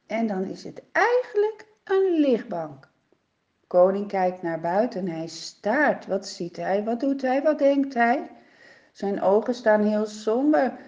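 Slow, expressive woman telling a Bible story. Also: on the high side, highs cut off. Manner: expressive, dramatic pauses, frequent hushed passages. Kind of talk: children's Bible story narration.

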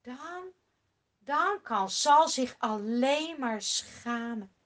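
A woman telling a Bible story to children in a slow, dramatic way, sometimes dropping to a whisper for suspense. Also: high voice, lively intonation, a bit bright.

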